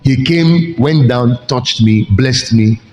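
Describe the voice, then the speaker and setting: A man preaching a sermon as pastor, with animated delivery, sudden jumps in pitch and slow emphatic stretches. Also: lo-fi sound. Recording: echoey hall with faint music.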